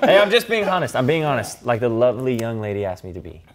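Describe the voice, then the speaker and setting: A man's voice: medium pitch, very animated, fast, over loud music. A young man on a dating game show who rambles and repeats himself. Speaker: contestant. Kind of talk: casual banter.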